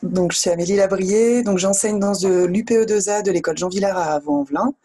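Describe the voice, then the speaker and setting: A woman's voice: mid-range voice, brisk, mellow. A woman in her thirties, a teacher giving an informal presentation on a video call. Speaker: primary school teacher. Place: indoors, plain room. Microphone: video call, close to camera.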